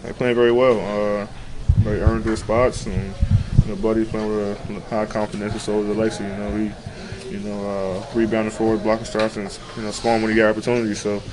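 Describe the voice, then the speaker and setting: Low, flat-voiced young man in a scrum. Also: brisk, hardly any pauses, background noise. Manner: low-key, flat, many "you know" fillers. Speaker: basketball player. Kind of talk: postgame media interview. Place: locker room, indoors. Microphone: handheld reporter mics close to face.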